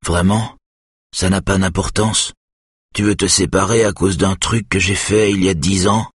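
A man's voice: sits low, steady tone, normal speed, breathy edge, no echo, studio quality, pitched above the performer's own voice. A man voicing a tired, defensive husband in an audiobook, with weary replies. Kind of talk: audiobook character voice.

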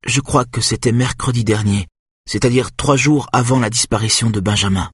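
A man's voice: mid-range voice, normal speed, slightly rough, no room sound, studio quality. A man voicing a frightened, sad teenage girl with a faint, small voice in an audiobook. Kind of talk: audiobook character voice.

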